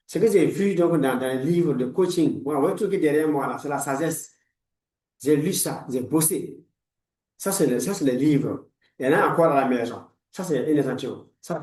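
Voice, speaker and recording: A man's voice: on the high side, darkish tone, echoey room, recorded from a distance, rough recording. A man in his forties, a life coach giving a motivational talk in a preachy, repetitive way, full of blessings. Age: 40s. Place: room lined with books, indoors.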